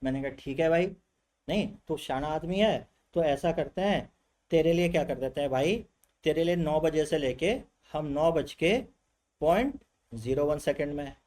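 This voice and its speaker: During a classroom lecture, an animated male physics teacher speaks at a moderate pace in a voice slightly higher than most men's. He keeps throwing rhetorical questions at his students and acting out the replies they might give.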